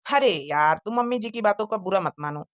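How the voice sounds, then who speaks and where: A woman voicing a caring young husband who coaxes his mother and wife gently in a cartoon moral story. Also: medium pitch, lively intonation, brisk, dry recording, dull audio, lightly acted. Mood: coaxing. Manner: coaxing, gentle.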